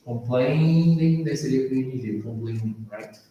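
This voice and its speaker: A man's voice: medium pitch, steady tone, moderate pace, muffled recording. A man with a Brazilian Portuguese accent gives a one-on-one English lesson. He switches between Portuguese and English, explains patiently and keeps checking that his student follows along. He is recorded from a distance in a very echoey room with a long reverb tail. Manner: explains patiently, checks understanding with frequent tag questions. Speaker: English teacher.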